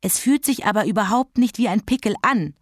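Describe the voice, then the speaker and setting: A woman's voice: on the high side, expressive, normal speed, dry recording, clean studio sound, voice pushed up, close to an everyday voice. A woman voicing a dramatic, whiny little girl who pleads and exaggerates. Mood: whining.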